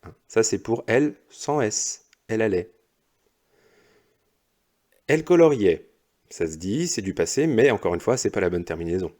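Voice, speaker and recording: A male primary school teacher going over exercise answers slowly and patiently, one step at a time. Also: fairly low pitch, big pitch swings, mellow. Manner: slow, patient, explains step by step. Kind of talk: recorded lesson correcting exercises.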